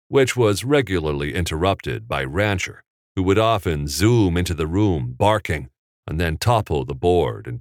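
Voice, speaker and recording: Man, very deep voice, audiobook narration, measured and steady, dry close sound. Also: dry recording.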